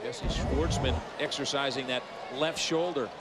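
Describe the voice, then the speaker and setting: A man's voice: mid-range voice, a little slow, a loud crowd, very noisy. A man calling a live lacrosse game as the play-by-play sports announcer.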